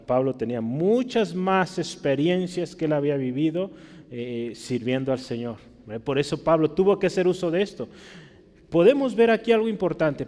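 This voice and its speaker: A man's voice: a little high, darkish tone, in a large hall. A man with a Mexican Spanish accent preaching a conversational sermon, often checking in with his listeners. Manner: conversational teaching, frequent tag questions.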